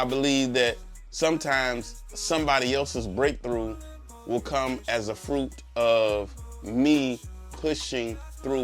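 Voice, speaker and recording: A man's voice: mid-range voice, fairly bright tone. A slightly congested man giving a faith-filled motivational talk as a preacher, driving points home with repetition and rhetorical questions. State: congested, under the weather. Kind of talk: motivational speech, faith testimony. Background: music.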